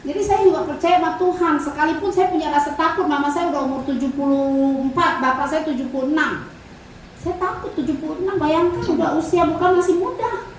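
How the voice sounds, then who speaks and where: A woman's voice: sits high, a little fast. A woman giving a conversational church testimony, telling family stories and speaking straight to the congregation. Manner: lively storytelling, acting out family dialogues; keeps addressing the congregation directly. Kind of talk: conversational sermon with storytelling. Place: large church hall. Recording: very echoey hall, mic far off, faint noise.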